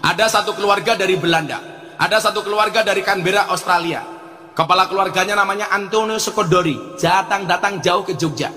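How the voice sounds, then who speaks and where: Man, Javanese accent, high and ringing voice, joking preacher, echoing hall with music behind. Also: fairly quick, bright, forceful tone. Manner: storytelling with jokes, switches into Javanese and broken English. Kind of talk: humorous religious sermon to a crowd.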